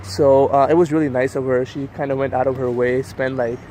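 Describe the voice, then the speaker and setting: Warm-toned and medium-pitched, a young Urdu-native vlogger talks a little fast with flat delivery while filming himself walking through city traffic on a handheld camera. He rambles loosely, using lots of fillers.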